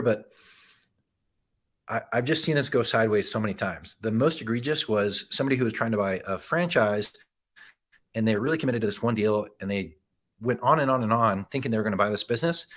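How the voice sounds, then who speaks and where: Brief: man in his thirties, fairly low voice, relaxed webinar presenter, chatty, tags lines with "right?". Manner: casual, frequent "right?" and "um" asides. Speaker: presenter and accounting firm owner. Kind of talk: conversational educational presentation.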